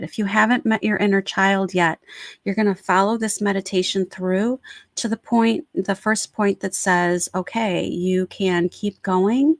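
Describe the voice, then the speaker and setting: A woman's voice: mid-range voice, no room sound. A woman talking informally and encouragingly as a Reiki practitioner, introducing a guided meditation on a livestream.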